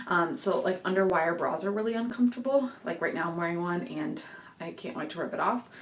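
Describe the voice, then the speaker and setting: Young woman, vlogger, rambling, chatty, slightly breathless, lowish voice, echoey room. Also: expressive, a little fast, a little hiss or hum. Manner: rambling, chatty, many fillers. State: a little out of breath. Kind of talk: casual pregnancy update vlog. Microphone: desk microphone.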